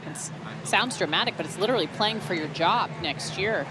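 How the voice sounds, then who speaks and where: A woman's voice: medium pitch, lively intonation, normal speed. A woman giving live on-course golf commentary in an outdoor broadcast. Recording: outdoor broadcast with clear background noise.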